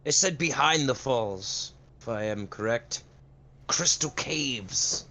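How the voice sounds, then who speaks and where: A man playing a tabletop role-playing game, talking in a hesitant, halting way. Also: medium pitch, expressive, bright, forceful tone. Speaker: player. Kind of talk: tabletop game play over voice chat.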